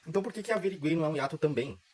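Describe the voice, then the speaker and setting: A man explains a grammar point in a relaxed, chatty way. His voice is slightly husky, and he talks quickly. He keeps checking that the listener is following along. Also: fairly high pitch, low-quality recording. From southern Brazil. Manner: informal, chatty, frequent "tá?" checks. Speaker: teacher. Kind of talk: casual grammar lesson.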